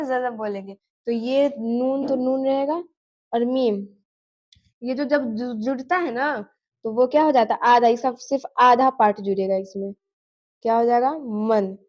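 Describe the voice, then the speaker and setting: A woman gives a beginner lesson on writing letters. She is patient and repetitive. She slows down to spell out each sound and keeps checking that the learner is following. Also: sits high, darkish tone, lo-fi sound. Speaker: Urdu teacher.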